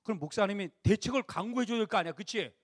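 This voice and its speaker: A middle-aged male pastor preaching a sermon to a youth congregation, animated and conversational, rising to near-shouts on key points. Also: high voice, fast talker. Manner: acts out quoted dialogue in a conversational tone.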